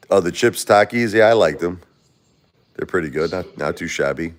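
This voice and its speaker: A Brooklyn, New York man with a very low voice hosts a casual livestream, answering viewers. He's blunt, doubles back on his words and spars with critics in the chat.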